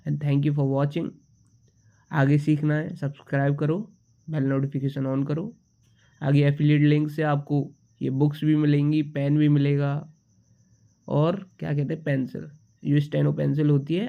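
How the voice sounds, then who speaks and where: A man's voice: on the high side, gravelly. A young man with a slight cold, patiently teaching shorthand in a casual tutorial and repeating each symbol as he writes it. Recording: dull lo-fi sound.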